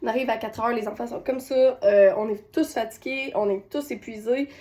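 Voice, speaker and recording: A woman's voice: a little high, normal speed, warm tone. A woman with a Québécois accent telling a personal parenting story, retelling scenes with quoted voices. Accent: Québécois French. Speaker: parenting coach.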